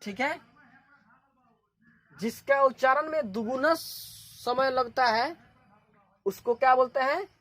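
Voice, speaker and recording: A woman from India teaches a grammar lesson at a slow, unhurried pace. Her voice sits fairly high, and she works through each point by repeating the terms. She poses questions and then answers them herself. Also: a bit bright.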